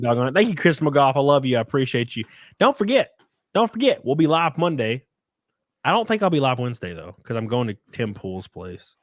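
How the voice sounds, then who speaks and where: In a mid-range voice, a streamer reads out donations during a casual live chat, offering rambling, profane thanks. He's sniffly and somewhat tipsy, and the recording is studio quality with no room sound.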